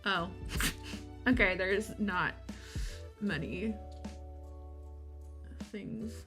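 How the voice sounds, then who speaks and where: With lofi music in the background, this livestream host chats casually with viewers during a co-working stream, rambling and poking fun at herself as she answers chat questions. She's a tired woman from the United States with a Michigan accent, and her mid-range voice draws out its words.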